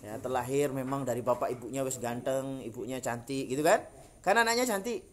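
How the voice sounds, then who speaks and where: A man preaching with a Javanese accent, his pitch leaping around as he jokes and acts out small exchanges. The sound rings with echo from the open space around him. It feels like an informal religious talk. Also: expressive, a little fast, a little hiss or hum. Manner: jokey, acts out little dialogues, laughs often. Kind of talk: relaxed Quran study talk to an elderly group. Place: outdoor park gathering.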